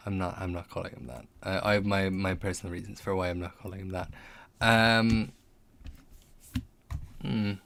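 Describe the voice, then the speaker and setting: A man's voice: deep voice, level tone, normal speed, creaky, pauses often, a bit bright. A man chatting casually on a live stream while building a tabletop game character, thinking aloud over names and details and answering viewers. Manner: chats back to viewers' comments.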